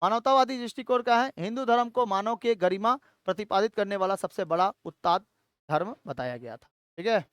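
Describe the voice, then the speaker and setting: A man's voice: sits high, expressive, a little fast, fairly bright tone, clean tone, no echo, clean studio sound. Male teacher quizzing his class. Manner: asks the class questions and answers them himself, with frequent "theek hai" check-ins. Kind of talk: classroom history lecture.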